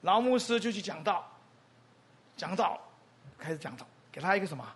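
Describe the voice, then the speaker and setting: A man preaching a storytelling sermon, animated and repetitive, often asking the congregation questions. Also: high-pitched, moderate pace, breathy edge.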